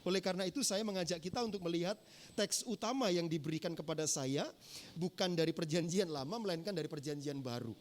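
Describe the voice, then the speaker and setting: A male pastor, preaching a teaching sermon in a church in a measured way, pausing often with fillers. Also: a little high. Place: church sanctuary.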